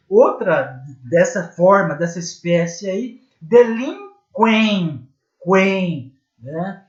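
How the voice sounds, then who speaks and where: Brazilian man, grammar teacher, unhurried delivery, patient and repetitive; echoey room. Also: on the high side. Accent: Brazilian Portuguese. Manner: patient, repeats and spells out examples, checks in with "tá?". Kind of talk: recorded grammar lesson. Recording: echoey room, dull lo-fi sound.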